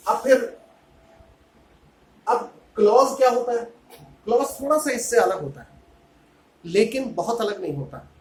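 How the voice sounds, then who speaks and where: A man teaching a grammar lesson, saying English phrases slowly and deliberately and then explaining them in Hindi. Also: high voice, slight background noise. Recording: echoey room.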